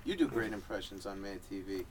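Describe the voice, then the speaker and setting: A man's voice: deep voice, lively intonation, brisk, distant mic. A man hosting a radio interview, telling stories casually in a rambling way full of "uh". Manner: rambling storyteller, uh-filled. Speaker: radio host. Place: radio studio.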